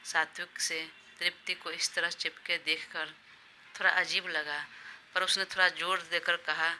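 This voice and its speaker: Low, flat-voiced woman storyteller. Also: measured pace, slight background noise. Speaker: narrator. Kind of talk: audio story narration.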